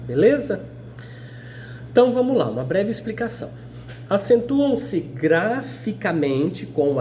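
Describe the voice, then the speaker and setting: A man's voice: fairly high pitch, darkish tone. Brazilian guy teaching a school video lesson, voice jumps all over, drawls words out, faint hiss behind him. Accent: Brazilian Portuguese. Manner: didactic, checks in with a frequent "beleza?", stretches words slowly. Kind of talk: video lesson for sixth graders.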